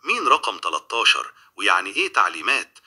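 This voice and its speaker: A man's voice: lowish voice, big pitch swings, fast talker, bright, forceful tone, slightly rough. A young man with an Egyptian accent reading a dramatic first-person crime story. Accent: Egyptian Arabic. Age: young adult. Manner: dramatic, tense.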